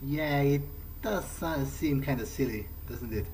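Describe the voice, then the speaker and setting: In this conversational let's play, the host roleplays in character, thinking aloud with hesitation. He has a mid-range, darkish voice and an unhurried delivery, while faint game music and a little background noise sit underneath.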